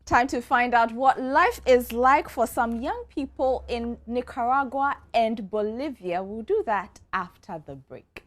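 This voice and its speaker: A woman's voice: fairly high pitch, a little slow, few pauses, slight background noise. A woman with a Ghanaian accent presenting and narrating a news programme from a script. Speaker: presenter and reporter.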